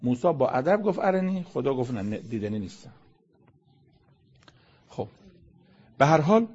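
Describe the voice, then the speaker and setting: Male religious lecturer, husky timbre, conversational sermon, rhetorical questions, dull lo-fi recording. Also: medium pitch, mellow. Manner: rhetorical questions, reciting Arabic verses then explaining them. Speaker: religious lecturer explaining Quran verses.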